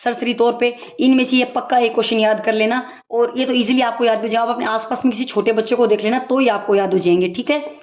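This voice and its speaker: A woman teacher giving a brisk exam-prep recap lecture, explaining points with everyday examples. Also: on the high side, steady tone, darkish tone. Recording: dull lo-fi audio.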